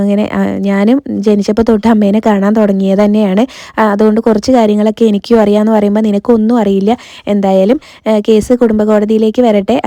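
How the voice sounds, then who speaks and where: A woman's voice: medium pitch, mellow, dry recording. A woman casually retelling a TV serial episode, quoting the characters' lines and dropping frequent filler tags. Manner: retells dialogue in quotes, frequent "kētto" tag fillers. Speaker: serial recap host.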